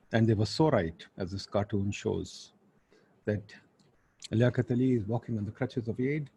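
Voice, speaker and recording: Speaking in a lowish, slightly mellow voice, a Pakistani-accented man introduces an online webinar as its host and moderator. He's informal and blunt, slipping into Urdu now and then, and there's a faint hiss or hum on the recording.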